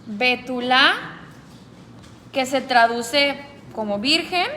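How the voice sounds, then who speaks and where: High-voiced woman teaching slowly. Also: animated, sharp tone, big-room sound, slight background noise. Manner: patient, explanatory, asks the group questions. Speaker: Bible study leader. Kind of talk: teaching a group Bible study.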